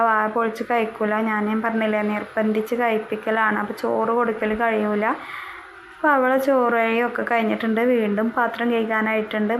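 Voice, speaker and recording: A woman's voice: fairly high pitch, slight background noise, rough recording. Chatty young woman narrating her day. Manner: chatty, often adding a tag word at the end of a sentence. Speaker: vlogger. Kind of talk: casual voice-over narration of daily chores.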